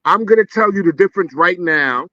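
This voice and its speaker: A man's voice: high voice, no room sound. Teasing man on a dry, dull mic. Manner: animated, teasing, quick. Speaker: podcast co-host. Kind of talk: casual sports debate.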